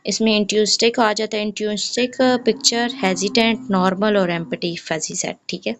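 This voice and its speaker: Woman tutoring slowly through exam answers. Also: mid-range voice. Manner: slow, explanatory, mixing English math terms into Hindi. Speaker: online tutor. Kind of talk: exam revision lecture.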